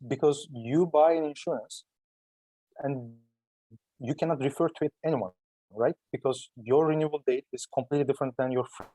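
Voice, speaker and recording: A man's voice: medium pitch, moderate pace, dark tone, no echo, low-quality recording. A man with a Turkish accent, a native Turkish speaker, giving conversational, explanatory interview answers and often rephrasing himself. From Turkey. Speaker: startup entrepreneur being interviewed.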